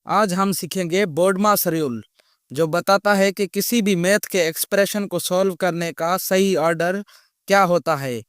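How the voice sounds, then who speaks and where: Slow, patient male math teacher. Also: sits high, a bit bright, clear, resonant tone, dry recording, studio quality. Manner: slow, patient explaining with repeated check questions. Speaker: math teacher, channel host. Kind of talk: step-by-step math lesson.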